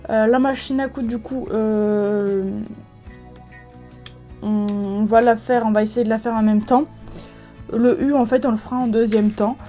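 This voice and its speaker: A woman's voice: a little high, fairly even intonation, a little slow, long pauses, warm tone, soft background music. A woman from France talking through a craft tutorial at home in a casual, chatty way, with many fillers and restarts. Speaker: craft video creator.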